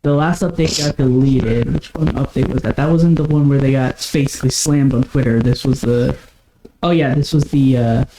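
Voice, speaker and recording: A man's voice: medium pitch, fairly even intonation, normal speed, noisy background. A man co-hosting a podcast, chatting casually and often stopping to correct himself. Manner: rambling, self-correcting. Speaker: podcast co-host. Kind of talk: casual chat.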